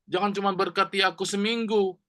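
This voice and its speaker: Brief: preacher playing an ill, helpless man, bright strained tone, desperate pleading. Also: sits high, level tone, fairly quick, pitched above the performer's own voice.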